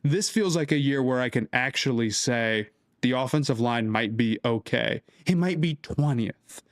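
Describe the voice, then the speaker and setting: A man's voice: medium pitch, moderate pace, no echo, clean studio sound. A man co-hosting a casual sports podcast, making his case point by point. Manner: reasoned, point-by-point arguing. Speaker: podcast co-host.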